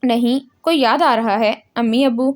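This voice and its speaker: A woman voicing a gentle, teasing young man in a storybook reading, calm and soothing. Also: fairly high pitch, natural voice.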